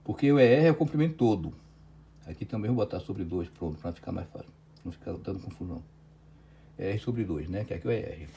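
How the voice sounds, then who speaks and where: A man's voice: low voice, animated, quick pace, creaky, dark tone, slight background noise. A Brazilian Portuguese-accented man teaching physics in an online lecture, working through a problem step by step and checking often with "certo?".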